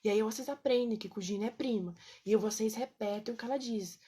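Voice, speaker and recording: A woman's voice: on the high side, brisk, mellow, slightly rough. A woman, casually teaching on a live stream, chatty, with lots of fillers and checks with her viewers. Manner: greets viewers by name between points.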